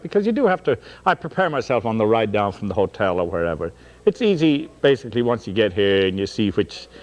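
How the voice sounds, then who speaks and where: A middle-aged man with a Dublin Irish accent, a stage actor chatting in an interview with frequent ums and restarts. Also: on the low side. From Ireland. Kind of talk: casual interview talk.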